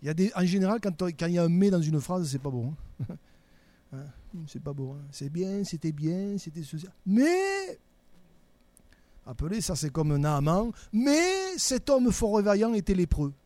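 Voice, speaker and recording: A man delivers a sermon in a conversational, halting way, repeating words as he searches for them. His voice sits somewhat high for a man but sounds mellow and dark. The recording is dry and close, with little room sound. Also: no echo. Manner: conversational, often trailing to a murmur, then rising for emphasis. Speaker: preacher.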